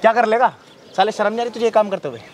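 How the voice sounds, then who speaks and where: A man confronting someone outdoors, angry and commanding, firing off rough repeated orders at a rapid pace. His voice sits high for a man, and clear background noise runs behind him. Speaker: bystander stepping in. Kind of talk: heated confrontation. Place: outdoor park.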